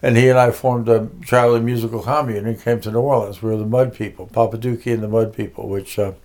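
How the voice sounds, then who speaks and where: A man's voice: mid-range voice, little pitch movement, fast, darkish tone. An older man from Connecticut, a music producer being interviewed, telling his life story casually with many fillers and restarts.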